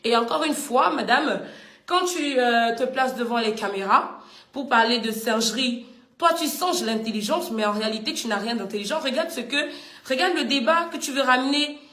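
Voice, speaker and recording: A woman's voice: a little high, animated, normal speed, a bit bright, reverberant. A woman with a Cameroonian accent ranting in heated commentary, indignant and combative, often repeating herself. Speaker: vlogger.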